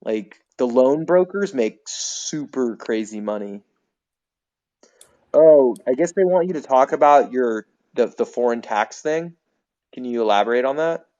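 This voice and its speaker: A man's voice: medium pitch, animated, unhurried, darkish tone, dull audio. A man hosting a livestream, chatting casually and reading viewer comments aloud. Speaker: livestream host.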